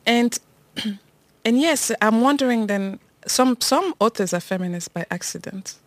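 A woman's voice: a little high, animated, unhurried, no room sound. A woman from Cameroon co-hosting a podcast, talking casually and reflectively, with frequent restarts and hesitations. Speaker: podcast co-host. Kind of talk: casual conversation between friends.

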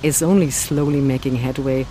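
A man's voice: mid-range voice, steady tone, moderate pace, mellow, a little hiss or hum. A man hosting and narrating a scripted documentary report in an explanatory way. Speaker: host, reporter. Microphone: close dry narration mic.

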